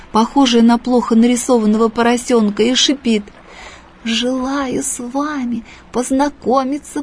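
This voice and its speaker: Slow husky woman reading a story. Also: fairly high pitch. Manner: slow, measured, expressive reading.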